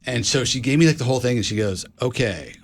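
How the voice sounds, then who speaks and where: A man's voice: medium pitch, racing, gravelly. A man co-hosting a casual talk show, telling a story in a rambling way, full of fillers and restarts. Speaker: co-host.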